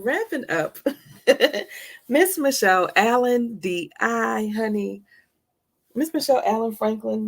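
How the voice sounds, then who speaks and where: A woman hosting a motivational live stream, dropping to soft whispers for emphasis and calling listeners honey. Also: mid-range voice, creaky, a little hiss or hum.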